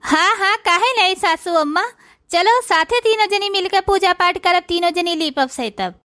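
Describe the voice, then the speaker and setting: A woman's voice: very high voice, normal speed, sharp tone. A woman voicing a bold, scheming young daughter-in-law in a cartoon, with an Awadhi accent and a sassy, boastful manner. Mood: sweetly fake. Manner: sassy, boastful, talks to the audience. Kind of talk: comic cartoon dialogue.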